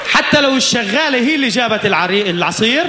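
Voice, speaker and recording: Fast, high-pitched man ranting in stand-up comedy. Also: lively intonation, a loud crowd, heavy background noise. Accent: Levantine Arabic. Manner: escalating comic rant, acting out dialogue.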